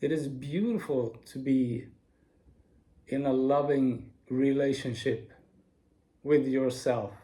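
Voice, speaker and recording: Slow, earnest man in his forties. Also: mid-range voice. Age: 40s. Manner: slow, earnest, with soft laughs. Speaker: video speaker. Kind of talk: reflective spoken monologue.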